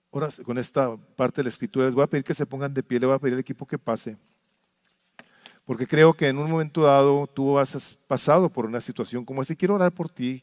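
A man's voice: mid-range voice, dry recording. Impassioned preaching man, dry sound. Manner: swings from loud impassioned pleading to quiet intimate asides. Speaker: pastor. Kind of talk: sermon. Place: church.

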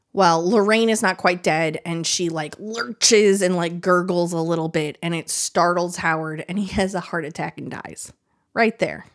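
A woman with a slightly low voice talks through a film's plot in a loose, chatty way. She leans on "like" constantly and restarts sentences as she goes. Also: a bit bright. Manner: chatty, heavy use of "like". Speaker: film reviewer. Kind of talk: casual film recap.

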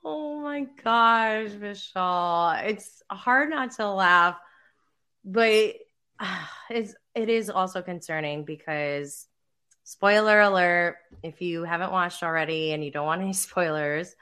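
A young woman hosting a relaxed recap show, chatting casually with many fillers, laughing often and getting emotional. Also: on the low side, slow pace, clear, resonant tone. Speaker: podcast co-host recapping reality TV. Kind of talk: casual chat.

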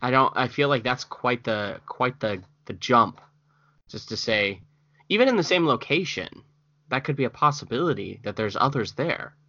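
Skeptical man with a bright, sharp voice. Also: medium pitch, animated, normal speed, dry recording, highs cut off. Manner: skeptical, dry questioning remarks. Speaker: podcast co-host. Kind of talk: casual true-crime chat.

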